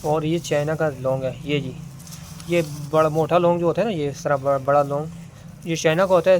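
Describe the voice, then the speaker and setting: A man's voice: a little high, slight background noise. A man with a Pakistani Urdu accent walks through his spice stock in casual sales talk, calling out prices over and over. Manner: repetitive price-calling, plain salesman patter. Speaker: spice and dry fruit seller.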